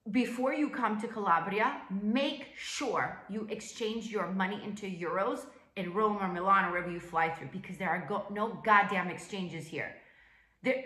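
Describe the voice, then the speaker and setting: A woman's voice: medium pitch, pushed and bright, roomy sound. A woman venting a long story to camera in a casual, exasperated way, swearing often and acting out the voices of the people she quotes. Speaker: vlogger. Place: room in Calabria.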